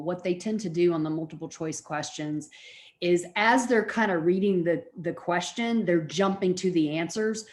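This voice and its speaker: Speaking as a college lecturer, this middle-aged woman has a somewhat mellow voice that sits a little low for a woman. She explains things casually, in a chatty manner, like she's in direct conversation with her class.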